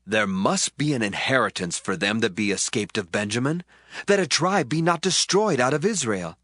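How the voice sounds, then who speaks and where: An actor playing a commanding Israelite elder in a Bible drama, declaiming with authority. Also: male voice, medium pitch, expressive, normal speed, a bit bright, dry recording, clean studio sound. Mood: resolute.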